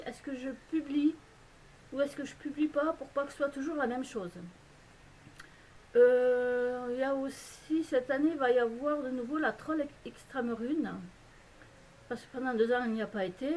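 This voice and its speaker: A French-accented woman from France vlogs from her home in a Belgian village, chatting casually to the camera. She rambles hesitantly with many fillers and restarts. Her high, slightly mellow voice comes through a low-quality recording with a little hiss or hum.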